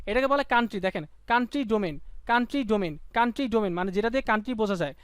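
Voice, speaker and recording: Young bangladeshi guy teaching online, really high voice, dry and clean, keeps making students shout answers. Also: very fast, clean tone, dry recording. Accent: Bangladeshi Bengali. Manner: calls on students to shout answers, drills by repetition; playful, slips into sung lines and mock phrases. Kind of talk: live online class lecture.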